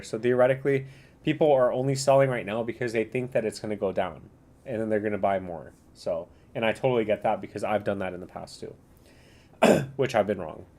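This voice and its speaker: A man hosting a casual livestream commentary, talking in a slangy bro style with a rambling, halting delivery. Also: medium pitch, darkish tone. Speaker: livestream host reviewing cryptocurrency charts.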